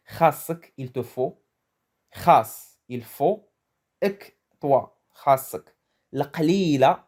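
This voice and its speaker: A man's voice: medium pitch, warm tone. A man from Morocco giving a casual, chatty language lesson, often restarting his phrases and laughing at his own jokes. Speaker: language teacher.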